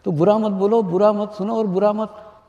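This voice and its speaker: High-voiced man preaching in an echoey hall. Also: fairly even intonation, normal speed, mellow. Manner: repeats phrases, asks the audience rhetorical questions. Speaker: spiritual teacher. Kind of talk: spiritual discourse. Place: large hall with an audience. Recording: echoey hall, dull lo-fi archive recording.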